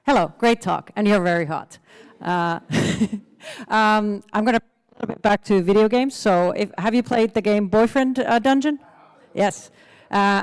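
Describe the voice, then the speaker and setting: A woman's voice: medium pitch, a little mellow, smooth. A woman in a convention audience asking a friendly, slightly hesitant question. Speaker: audience member.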